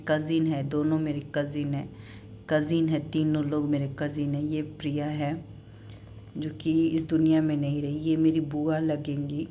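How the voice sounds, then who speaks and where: Soft, low-voiced woman showing photos. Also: a little hiss or hum. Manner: soft-spoken, halting and emotional. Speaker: vlogger. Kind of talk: casual vlog chat showing a wedding album.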